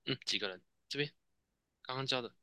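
A man's voice: medium pitch, a little fast, sharp tone, clear, resonant tone, no echo. A man with a Taiwanese Mandarin accent teaching a Japanese class, patiently drilling students and tagging sentences with "哦". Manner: patient, repeats answers, frequent "哦" tags.

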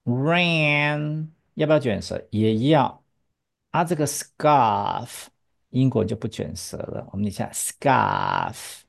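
A woman's voice: rumbling low, moderate pace, creaky. A woman teaching English pronunciation, explaining patiently in Chinese and drilling each word with a student. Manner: patient, drills words, asks rhetorical checks. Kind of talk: bilingual English pronunciation lesson.

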